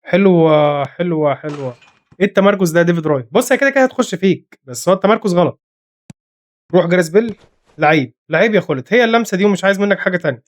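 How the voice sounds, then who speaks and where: A man with an Egyptian accent giving rapid, excitable live commentary on his own football video game match, scolding his players, his voice going hoarse. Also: high voice. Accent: Egyptian Arabic. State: voice getting hoarse. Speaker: gaming commentator.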